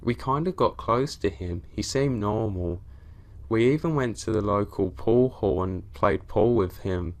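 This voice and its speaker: A man reading out scripted horror stories in a steady, even storytelling delivery. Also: lowish voice, unhurried. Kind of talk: scripted narration of reader stories.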